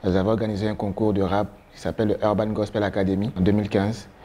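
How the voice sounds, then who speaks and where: A young man with an Ivorian French accent, a gospel rapper answering interview questions in a relaxed way, often pausing with fillers. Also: fairly low pitch. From Côte d'Ivoire. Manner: relaxed, gestures a lot while talking, frequent fillers. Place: studio with branded backdrop, seated.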